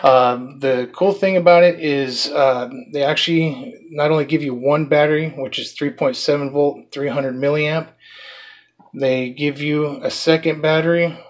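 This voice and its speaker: A man's voice: on the high side, steady tone, a little slow. Chatty man unboxing a toy drone. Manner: chatty, loose, many fillers and restarts. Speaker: drone reviewer. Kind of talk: casual product unboxing review.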